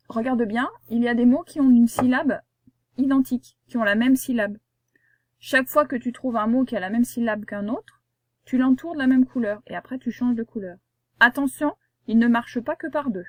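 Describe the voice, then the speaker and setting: A fairly high woman's voice, recorded close and dry in a quiet room. She is a patient schoolteacher walking young children through a reading lesson, slowly spelling out letters and sounds. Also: dry recording. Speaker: primary school teacher.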